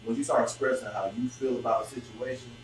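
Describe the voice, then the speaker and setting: A man in his thirties hosting a casual group podcast chat, talking animatedly with slang and quick interjections. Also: medium pitch, steady tone. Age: 30s. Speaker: podcast host. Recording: echoey room, mic at a distance, faint noise.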